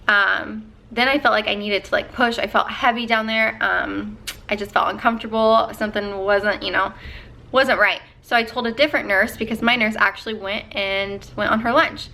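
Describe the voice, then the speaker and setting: A woman's voice: mid-range voice, fairly even intonation, moderate pace, gravelly, pushed and bright. A young woman vlogger talking casually and earnestly as she gives advice, with lots of ums and likes. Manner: earnest, chatty, many fillers.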